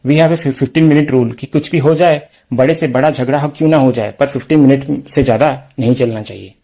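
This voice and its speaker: A man's voice: mid-range voice, moderate pace, dark tone, lightly acted. A man reading out the lines of a bubbly young woman who mixes English words into her talk. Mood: cheerful. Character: bubbly young woman, modern granddaughter-in-law.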